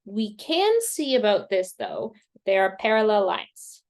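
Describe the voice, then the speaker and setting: A woman math teacher explaining graphing step by step in a slow, patient way, with self-deprecating asides, and she has the hiccups. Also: medium pitch, sing-song, darkish tone. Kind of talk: recorded screen-share math lesson.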